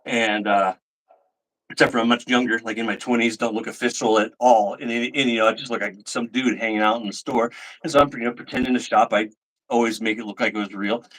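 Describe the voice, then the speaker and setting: This livestream host, a middle-aged man, trades casual stories with viewers at a fairly quick clip. His voice sits in the middle range, he acts out quoted lines with animation, and the recording is rough.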